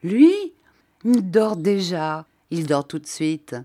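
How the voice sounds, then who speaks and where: A woman's voice: fairly low pitch, slow, mellow. A woman reading aloud, voicing an exuberant young woman who cries out eagerly. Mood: excited. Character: lively young woman of a pleasure house.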